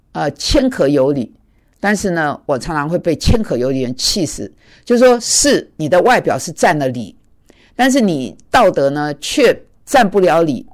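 A preacher giving a conversational sermon, telling a personal story with many fillers and English words mixed in. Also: mid-range voice.

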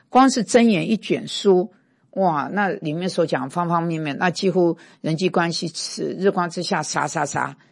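A woman preaching a sermon in a lively, emphatic way, sometimes acting out quarrels. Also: fairly low pitch, gravelly.

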